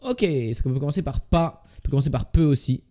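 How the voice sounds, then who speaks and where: A man's voice: a little high, big pitch swings, brisk, warm tone. A man with a slight lisp on his s sounds, doing casual live game commentary as a streamer and muttering repeated word guesses to himself.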